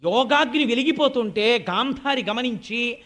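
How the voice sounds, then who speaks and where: A man with a notably high voice delivers a devotional sermon. He tells stories in a chatty way and turns to the audience with polite asides. He slips into the quoted voices of relatives and sages as he recounts the scripture. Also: moderate pace, a bit bright. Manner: conversational storytelling with polite asides to listeners; acts out quoted speech of family members and sages. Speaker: spiritual discourse speaker.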